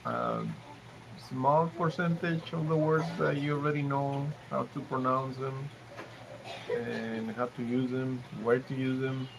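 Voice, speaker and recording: A gravelly-voiced man from Mexico whose first language is Spanish hosts a casual live stream chat, speaking haltingly with frequent pauses and restarts. His voice is medium-pitched and level, and there's noticeable background noise.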